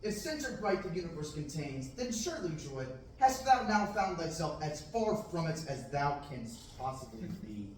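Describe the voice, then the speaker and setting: Seated at a table in a large classroom, a male actor in an amateur Shakespeare reading voices an eager, restless farm boy who dreams of adventure. He delivers yearning, declamatory verse in a slightly high voice with big pitch swings, normal speed and few pauses. A far room camera captures the echoey room from a distance, with slight background noise.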